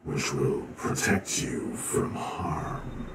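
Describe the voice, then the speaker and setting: A man voicing a slow, gravelly male dealer who offers eerie gifts in a tabletop game. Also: expressive, heavily acted. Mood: ominous. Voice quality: gravelly, deep drawl. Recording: roomy, distant, heavy noise.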